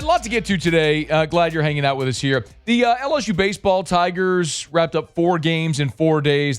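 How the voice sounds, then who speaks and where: A man hosting a sports talk radio show, chatting energetically with frequent fillers and quick asides, on a studio microphone. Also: medium pitch, clear, resonant tone.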